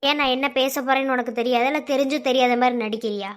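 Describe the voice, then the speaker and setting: A woman doing a young man in a cartoon romance, insistent and pleading with the girl he loves. The voice sits fairly high but barely rises or falls, holding one earnest, teary register throughout. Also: little pitch movement, moderate pace, natural voice. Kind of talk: cartoon love-story voice acting.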